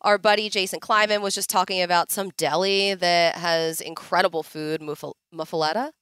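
A chatty woman with a light Philly accent co-hosts a football podcast in a relaxed, joking way. Her voice sits a little low and sounds smooth and clear. It is recorded close and dry. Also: no echo. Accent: Philadelphia. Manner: chatty, laughs often, quick asides. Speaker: podcast co-host. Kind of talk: casual sports chat.

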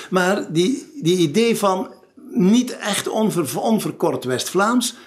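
A man in an interview, recalling someone in a thoughtful, hesitant way. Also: on the high side. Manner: thoughtful, hesitant, restarts words. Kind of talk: reflective interview talk.

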